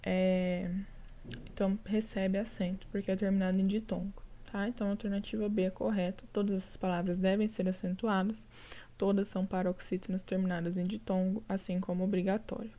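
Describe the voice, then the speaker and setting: A woman's voice: medium pitch, flat delivery, brisk, mellow. A woman teacher with a Brazilian Portuguese accent, patiently going over exercises in a recorded lesson and checking in with her students often. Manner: patient, explaining step by step with frequent "tá?" checks.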